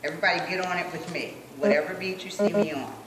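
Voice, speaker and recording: A woman instructor coaching a group rehearsal, encouraging them and slowly repeating phrases as she demonstrates. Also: fairly low pitch, roomy sound, distant mic, heavy background noise. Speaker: sign language dance instructor.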